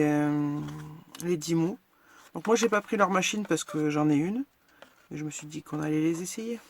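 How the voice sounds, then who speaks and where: Woman, gravelly voice, chatty crafting tutorial, frank, lots of fillers. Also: fairly low pitch, a little hiss or hum. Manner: chatty, filler-heavy, narrates each step as she works; self-deprecating and frank. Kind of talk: casual crafting tutorial chat.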